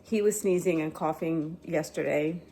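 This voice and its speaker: A woman's voice: low voice, moderate pace, mellow, slight background noise, low-quality recording. A middle-aged woman with a cold, chatting upbeat and straight to camera in a casual vlog. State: sniffly with a cold. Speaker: lifestyle vlogger.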